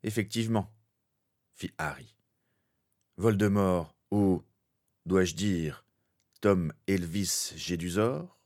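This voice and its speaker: A man's voice: low voice, takes it slowly, long pauses, darkish tone. A man voicing a brave young wizard hero in a fan fiction reading, earnest and determined. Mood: resolute.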